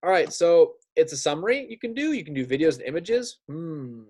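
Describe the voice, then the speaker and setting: This elementary school teacher has a fairly high, sing-song voice that's brisk yet a little mellow, with slight background noise present. He reads aloud to young students informally, chatting, making casual asides, and checking in with them often.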